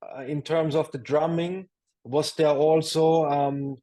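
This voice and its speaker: A man's voice: fairly high pitch, flat delivery, slow pace, warm tone. A man interviewing in Rastafari speech, choosing his words with care and many hesitations. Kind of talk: interview questioning.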